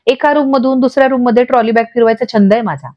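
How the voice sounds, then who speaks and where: A woman's voice: on the high side, very fast, a little mellow, dry recording, natural voice. A woman voicing a sarcastic young wife with snappy, bristling replies. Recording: dull lo-fi audio.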